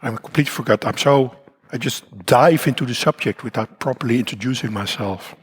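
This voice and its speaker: A croaky-voiced man from the Netherlands, speaking with a Dutch accent, presents at a conference hall in a brisk, mid-range voice. He meanders through the talk with self-deprecating humor, lots of filler words and frequent restarts.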